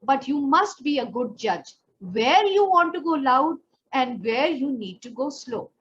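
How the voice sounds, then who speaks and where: With a high-pitched, fairly bright tone and big swings in pitch, she delivers an unhurried voice training lesson. The Indian-accented pageant and personal development trainer explains each step and demonstrates, speaking right to the learner. Dull lo-fi audio with faint background noise.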